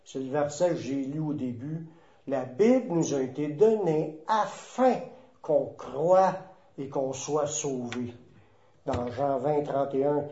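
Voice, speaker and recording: Quebec french guy preaching, slow and emphatic, repeats stuff, roomy dull recording. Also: a little high, warm tone. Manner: emphatic, repeats key phrases. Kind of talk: sermon.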